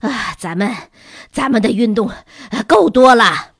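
A woman voicing a middle-aged male teacher who is out of breath, stammering and halting between words. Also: on the high side, lively intonation, breathy edge, no echo, clean studio sound, heavily acted. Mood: breathless.

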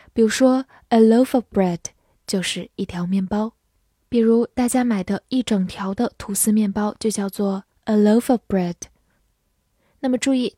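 A woman English teacher giving a scripted vocabulary lesson, spelling words letter by letter and reading example sentences aloud slowly and carefully. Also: mid-range voice, mellow, breathy edge, dry recording, clean studio sound.

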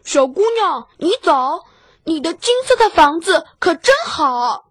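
A woman's voice: very high-pitched, big pitch swings, unhurried, a little hiss or hum, heavily acted. A woman voicing a polite little puppy in a children's storybook, coaxing and pleading.

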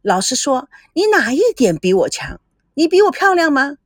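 A woman doing a shrill, spoiled young brat. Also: sing-song, normal speed, no echo, studio quality. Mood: boastful. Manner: whiny, shrill tantrums. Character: spoiled bratty young woman, clingy and loud. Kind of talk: storybook voice acting.

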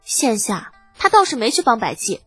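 A man's voice: extremely high pitch, very animated, moderate pace, a bit bright, slightly rough, no room sound, faint music behind, voice pushed up, heavily acted. A man voicing a resolute, proud young princess in a spoken storybook. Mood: scornful.

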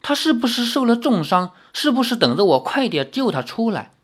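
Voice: mid-range voice, sing-song, a little fast, voice pushed up. A narrator voicing a young man, a devoted hero calling out for his lost wife in anguish, in a read-aloud novel. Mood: anxious.

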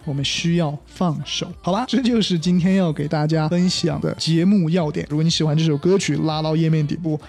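A young man hosting a casual bilingual English lesson, chatty, slowing down and repeating phrases to explain them. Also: on the high side, a little mellow. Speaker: English teacher and podcast host.

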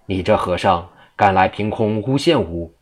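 A man's voice: fairly low pitch, animated, normal speed. A man reading the lines of a defiant, scheming old Taoist priest who threatens others.

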